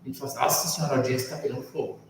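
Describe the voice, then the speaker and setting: A man's voice: medium pitch, racing, creaky, a little hiss or hum. A man with a Brazilian Portuguese accent teaching English one-on-one. He explains patiently and keeps checking that his student understands. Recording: echoey room, mic at a distance.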